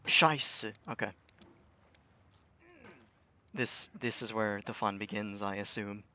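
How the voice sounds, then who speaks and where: A young man with a lowish voice rambles through a game stream, talking to himself. He stammers over restarts and swears under his breath. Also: flat delivery, slow pace, sharp tone. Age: young adult. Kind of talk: casual live-stream commentary.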